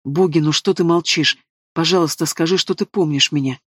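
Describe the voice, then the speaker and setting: A man's voice: on the high side, a little fast, fairly bright tone, slightly rough, dry recording. Guy doing a firm loving dragon prince, storybook read, dry. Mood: earnest firm. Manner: earnest, commanding.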